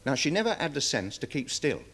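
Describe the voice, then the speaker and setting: A hesitant, rambling security guard. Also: male voice, mid-range voice, very animated, a little fast, fairly bright tone, husky. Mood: worried, defensive. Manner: hesitant, rambling, deferential with frequent fillers. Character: nervous security guard witness, dog handler. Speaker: witness in court. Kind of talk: 1970s television courtroom drama.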